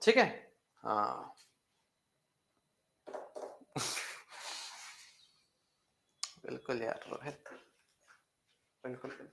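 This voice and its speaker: A man's voice: medium pitch, sing-song, creaky, pushed and bright, slight background noise. Man teaching chemistry in an echoey room. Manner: bantering with students, repeats key terms slowly. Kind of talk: live class teaching.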